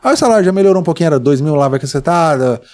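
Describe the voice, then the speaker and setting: A man's voice: on the high side, animated, rapid-fire, darkish tone. A man with a Brazilian Portuguese accent, a podcast guest animatedly telling his story and acting out the dialogue in it. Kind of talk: storytelling in a casual podcast interview.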